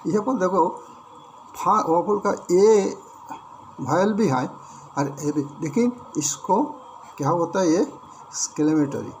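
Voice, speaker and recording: An Indian-accented male teacher walks through a grammar lesson in a higher-pitched, gravelly voice. He moves along unhurriedly, repeating himself and switching between English terms and Hindi. Faint noise sits under the recording. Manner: explains slowly, repeating words, mixing English terms into Hindi.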